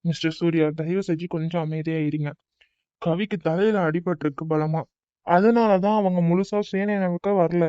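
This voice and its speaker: Man voicing a calm cartoon doctor, measured and soothing, muffled dry recording. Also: high-pitched, clear, resonant tone, no room sound, lightly acted. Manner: calm, reassuring. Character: calm male hospital doctor. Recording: dull dry recording with faint music.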